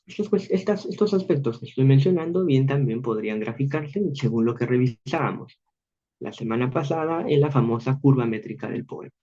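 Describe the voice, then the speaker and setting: A man giving an online university literature lecture, explaining patiently and slowing down to read verse lines with heavy stress. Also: mid-range voice, animated, warm tone, dull audio. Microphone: video call.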